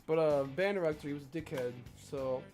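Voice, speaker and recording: A man's voice: fairly high pitch, a little fast, darkish tone, soft background music. A young man streaming while he draws, rambling casually and swearing, often mocking himself. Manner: rambling, profane, self-deprecating.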